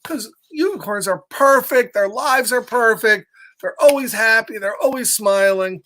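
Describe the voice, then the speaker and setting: A middle-aged man hosts a live children's story time, reading a picture book aloud in an animated, playful way with an extremely high pitch and a measured pace. He often breaks off to chat, ask questions and greet listeners by name.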